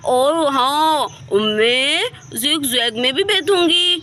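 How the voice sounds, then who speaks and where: Brief: woman doing a high, bright, childish young woman in a storybook tale, pleading and naive. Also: lively intonation, slow pace, a little hiss or hum, exaggerated voice. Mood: childlike, eager.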